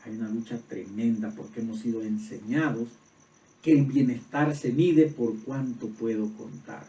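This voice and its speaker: A man preaching a sermon as pastor, swinging from soft reflective passages to loud emphatic peaks. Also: medium pitch, moderate pace, gravelly. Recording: roomy echo, voice from far off.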